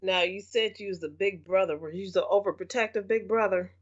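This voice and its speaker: A man's voice: sits high, fairly quick, a bit bright, slightly rough, highs cut off. A man in his forties hosting a podcast, asking questions in a casual, affirming way. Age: 40s. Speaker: podcast host.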